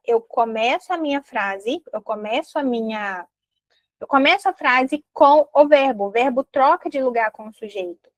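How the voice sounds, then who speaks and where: A young Brazilian woman with a fairly high voice gives an online English lesson, lively and clear. She slows right down to spell out each English sound with care. The sound is dry and close. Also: no room sound, rough recording. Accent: Brazilian Portuguese. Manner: lively, explains slowly, models English words carefully. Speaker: English teacher.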